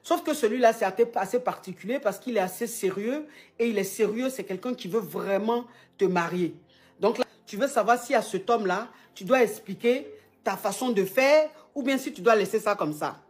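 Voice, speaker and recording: Animated woman giving advice. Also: medium pitch, normal speed. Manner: animated and teasing, repeats phrases, slangy. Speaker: advice show host, relationship coach. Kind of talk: casual advice chat with a caller.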